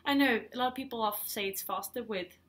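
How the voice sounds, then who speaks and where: Her voice is on the high side and brisk, with a fairly bright tone. In her living room at home, a thirtysomething woman from Sweden, Swedish accent and all, hosts a podcast, talking casually and a bit hesitantly about knitting.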